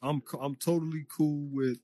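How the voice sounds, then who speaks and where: A man's voice: on the high side, fairly even intonation, normal speed, dark tone, dry recording. Emphatic man chatting as a podcast guest. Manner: emphatic, talks loosely with fillers. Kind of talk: casual chat. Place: virtual reality social space.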